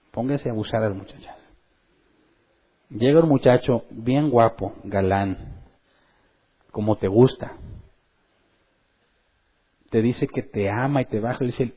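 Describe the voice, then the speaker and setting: A man preaching a sermon in church, lively, and acting out the voices of the people he quotes. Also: mid-range voice, breathy edge, muffled recording. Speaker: pastor.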